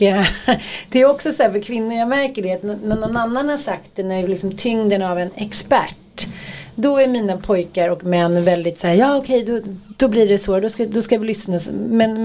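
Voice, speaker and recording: A woman on a podcast in casual chat, telling lively anecdotes and acting out quotes. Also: mid-range voice. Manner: lively storyteller, laughs, acts out quotes. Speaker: podcast guest.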